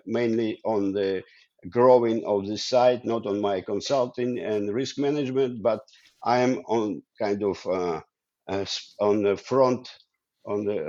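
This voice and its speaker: A middle-aged man born in Ukraine, a Russian native speaker, speaking English as an interview guest in halting sentences full of fillers and restarts. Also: on the low side, no echo, highs cut off. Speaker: guest, founder of an online professional community. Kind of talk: casual interview conversation.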